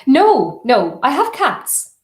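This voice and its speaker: A woman's voice: high-pitched, huge pitch swings, slow, darkish tone. Lilting Irish woman in a roomy space. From Ireland. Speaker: guest storyteller. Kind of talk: casual interview chat. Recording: roomy, echoing sound.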